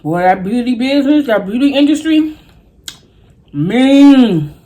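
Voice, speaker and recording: A woman's voice: fairly high pitch, lively intonation, dark tone. A woman chatting casually and colloquially to viewers while eating crunchy fried chicken in a mukbang vlog. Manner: folksy, colloquial, drawn-out exclamations. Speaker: mukbang vlogger.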